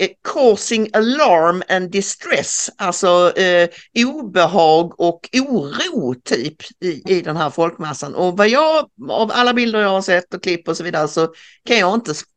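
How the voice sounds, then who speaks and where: Her pitch fairly low and her tone a bit bright, this podcast co-host chats informally about the news. Her account of events is full of hesitations and filler sounds.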